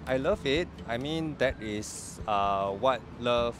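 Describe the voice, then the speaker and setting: A Malaysian man in his thirties giving brief, halting answers at an outdoor event. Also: medium pitch, lively intonation, fairly bright tone, soft background music. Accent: Malaysian English. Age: 30s. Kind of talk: casual interview answers.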